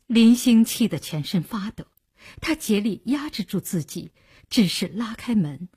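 A woman narrating a novel in a measured storytelling reading. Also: mid-range voice, lively intonation, mellow, husky.

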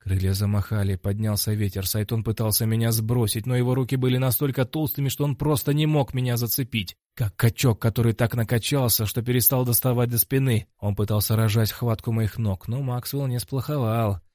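A man narrating an action audiobook in the first person, in an even, matter-of-fact manner. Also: mid-range voice, a little fast, hardly any pauses, no echo, clean studio sound.

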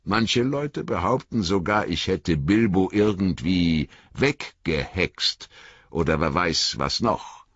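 A man's voice: low voice, lively intonation, dry recording, heavily acted. Gandalf, a man playing a grave old wizard. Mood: cautious. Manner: measured, warning and deliberate. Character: old male wizard, grave, cautious and wise. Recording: dull lo-fi audiobook recording.

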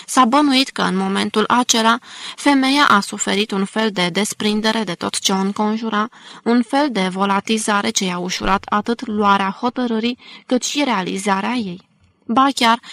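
A woman narrating a novel as an audiobook, in a measured, even reading. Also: medium pitch, no room sound. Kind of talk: scripted narration.

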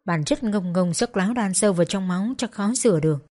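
A woman narrating a first-person audio story in a plain, steady manner. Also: mid-range voice, fast talker.

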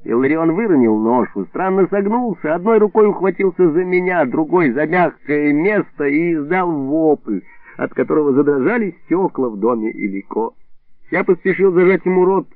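A man reading a story aloud in a lively, expressive way. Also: fairly high pitch, normal speed, no room sound. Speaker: audiobook reader. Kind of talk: expressive audiobook narration. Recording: narrow phone-like band, dry.

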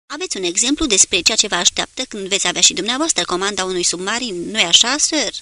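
A woman's voice: medium pitch, lively intonation, pushed and bright, dry recording. A woman reading the lines of a chatty, wry male ship's steward in an audiobook.

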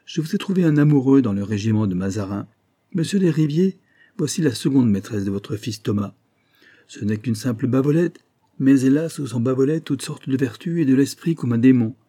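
A man's voice: medium pitch, warm tone, natural voice. A man reading an audiobook, voicing a playful, commanding young prince who teases a courtier. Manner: teasing, commanding.

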